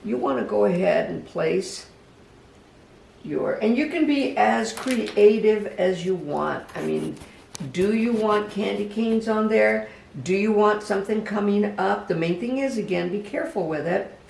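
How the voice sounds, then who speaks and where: A craft instructor giving a casual step-by-step demonstration, talking gently and unhurriedly, even chatting to the project. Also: mid-range voice, vocal fry. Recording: echoey room, voice from a distance, faint background hum.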